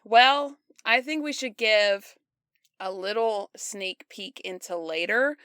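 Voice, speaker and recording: A woman's voice: mid-range voice, slow pace, a bit bright, clean tone. A woman co-hosting a podcast with playful, casual banter. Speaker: podcast co-host.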